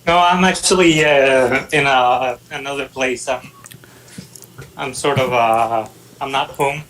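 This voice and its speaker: A man heard over a two-way radio, distant and hollow as if down a well, giving quiet, hesitant, brief replies from away from home. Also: mid-range voice, slow pace. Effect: distant, hollow sound as if down a well.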